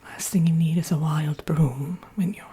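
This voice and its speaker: A woman voicing a prim, fussy witch villainess in a breathy, hesitant ASMR whisper, chatting and gently scolding up close. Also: low voice, fairly even intonation, moderate pace. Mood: fussy, confiding. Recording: audible background noise.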